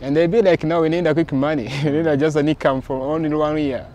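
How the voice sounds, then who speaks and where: A man's voice: on the high side, fast. A man from Rwanda, a comics creator, chatting casually in an interview and acting out the conversations he recounts. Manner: animated, acts out quoted exchanges.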